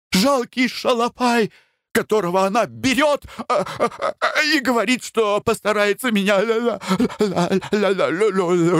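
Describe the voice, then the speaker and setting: A man's voice: high voice, fairly bright tone, dry recording, studio quality, voice pushed up. A man doing a gushing, stammering young suitor. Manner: stammering, overwrought pleading.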